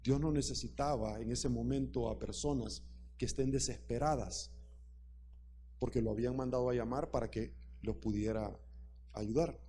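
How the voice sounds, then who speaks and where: A man's voice: mid-range voice, normal speed, warm tone, a little hiss or hum. A man preaching a sermon, speaking emphatically and repeating key phrases while addressing the congregation directly.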